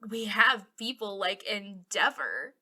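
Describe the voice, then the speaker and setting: The speaker is a woman acting out an ASMR roleplay as a taunting, bitter female villain who fell from heroism. She is breathy and frequently whispers, with a conspiratorial, mocking drawl. At medium pitch and a slow pace, she sounds animated, sharp, and exaggerated, with an indignant mood.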